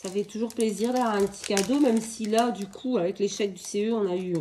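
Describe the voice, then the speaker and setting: A woman, a mother, showing her craft purchases in a casual haul video, speaking slowly with many hesitations and fillers. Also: medium pitch, steady tone, warm tone, a little hiss or hum. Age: adult, with children. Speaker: craft vlogger.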